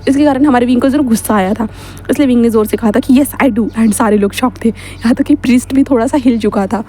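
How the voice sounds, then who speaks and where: A woman's voice: fairly high pitch, fast, warm tone. A woman narrating fan fiction in a casual, chatty retelling with frequent fillers.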